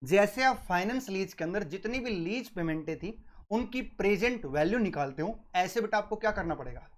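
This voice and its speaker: A man's voice: high-pitched, expressive, fairly quick. A man giving a classroom lecture on accounting, asking his students questions and answering them himself, and fondly addressing them as "beta" and "sahab". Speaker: accounting exam tutor.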